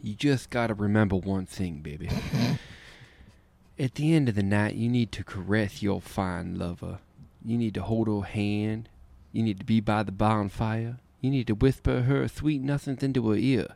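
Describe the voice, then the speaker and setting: A man voicing a suave self-styled ladies' man, slow and crooning. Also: fairly low pitch, creaky, darkish tone, no room sound. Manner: slow, crooning, calls people baby.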